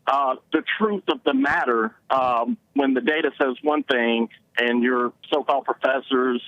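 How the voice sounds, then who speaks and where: A man with an Alabama Southern accent calling a show to discuss politics in a halting, wordy way. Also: mid-range voice. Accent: Alabama Southern American. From Alabama, United States. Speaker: first-time caller. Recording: muffled phone call.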